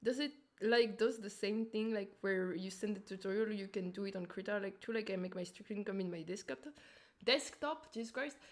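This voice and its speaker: A woman's voice: medium pitch, moderate pace. A woman with a Turkish accent chatting informally to her viewers on a livestream as a streamer and animator. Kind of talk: casual livestream chat and explanation.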